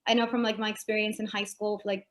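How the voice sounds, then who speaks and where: Woman, flat even delivery, many fillers, panel answer on a video call. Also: medium pitch, quick pace. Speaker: panelist, first-generation student.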